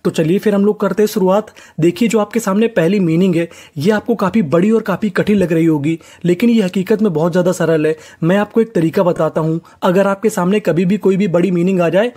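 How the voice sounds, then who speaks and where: Male tutor, young adult, warm and relaxed tone, slow patient drilling of syllables with question-and-answer repetition. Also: sits high, breathy edge. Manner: patient, repeats each syllable and asks the class to answer. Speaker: English teacher. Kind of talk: step-by-step spelling lesson.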